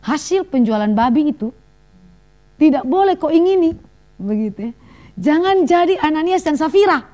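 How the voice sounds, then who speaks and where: A woman preacher, giving a sermon full of stories, lively asides and laughter. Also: high voice, moderate pace, pauses often.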